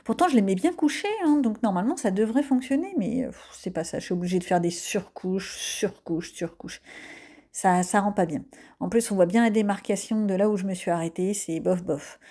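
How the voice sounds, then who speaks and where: A woman with a mellow, warm tone narrates her coloring session like an art vlogger. She chats casually and teases herself along the way. Her speech is loose and hesitant, full of small fillers, at an ordinary middle pitch. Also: animated, fast talker. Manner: chatty and self-mocking, with many hesitant fillers.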